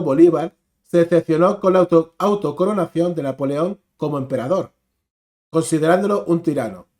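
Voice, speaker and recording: Un hombre con acento de España que comenta y reflexiona con calma sobre un video de historia. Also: male voice, on the high side. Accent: Spanish from Spain. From Spain. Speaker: reaction video host. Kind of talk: casual commentary.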